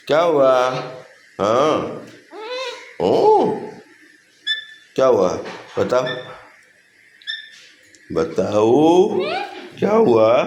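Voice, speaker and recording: A man vlogging casually and talking to his pet parrots in a slow, coaxing way. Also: mid-range voice. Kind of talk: casual vlog talk to pet birds. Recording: echoey room with loud background noise.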